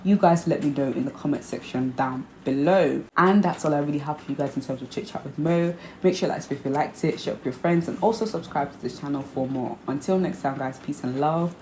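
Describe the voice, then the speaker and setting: Talking fairly quickly with hardly any pauses, a young vlogger host from Nigeria speaks to camera in a casual, earnest chat, repeating her points to explain them. Her low, mellow voice carries a hybrid Nigerian accent, captured in an echoey room with faint ambience and a little background noise.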